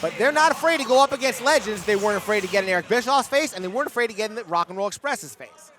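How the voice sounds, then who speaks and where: A middle-aged man with a very high-pitched voice calls a pro wrestling match. He speaks as a play-by-play sportscaster, announcing the competitors and the action. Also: animated, very fast, a bit bright.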